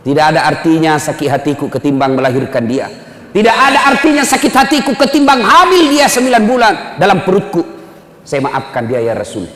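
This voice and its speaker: A man voicing a grieving mother who pleads to spare her son, raising his voice high. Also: fairly even intonation, a little fast, hardly any pauses, lightly acted. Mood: tender. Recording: echoey hall.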